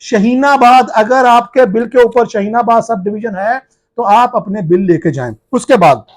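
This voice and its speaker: A male journalist from Pakistan, addressing viewers in a forceful, accusing, challenging tone. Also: very high-pitched, normal speed.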